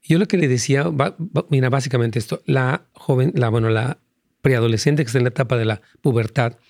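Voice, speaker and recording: A man's voice: medium pitch, a little fast, gravelly, darkish tone, dry recording, clean studio sound. A middle-aged male pastor, answering listener questions in a conversational teaching way with many fillers and restarts.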